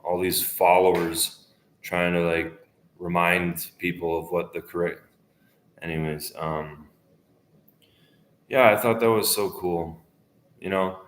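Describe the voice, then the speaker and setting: A man in his twenties with a deep, low voice rambles to the camera. His talk is profane and loose, often trailing off mid-thought. The sound carries the echo of a reverberant room. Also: fairly even intonation, takes it slowly, long pauses, slight background noise. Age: 20s. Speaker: vlogger. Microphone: camera facing speaker. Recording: echoey room.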